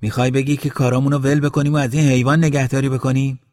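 A man's voice: medium pitch, animated, darkish tone, no echo, clean studio sound, pitched above the performer's own voice, lightly acted. A man voicing a hostile young villager who talks in an aggressive, impatient way. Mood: indignant.

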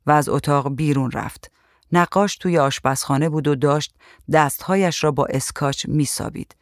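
A man reading a short story aloud in a calm, even narrating voice. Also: fairly high pitch, dry recording, clean studio sound.

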